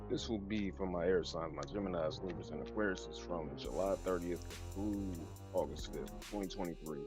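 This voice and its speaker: A man reads tarot in a low-pitched voice over background music. His speech is informal and slangy, with a slight slur and lisp from the retainer in his mouth. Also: moderate pace. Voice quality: slightly slurred, lisping speech from wearing a retainer. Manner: informal, slangy, laid-back. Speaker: tarot reader. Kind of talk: casual tarot card reading.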